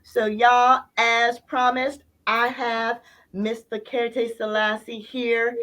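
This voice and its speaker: A woman's voice: fairly high pitch, little pitch movement, sharp tone, faint music behind, low-quality recording. A woman hosting a casual interview chat in a playful, slangy way. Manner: playful, slangy, drawn-out emphasis. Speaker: podcast host.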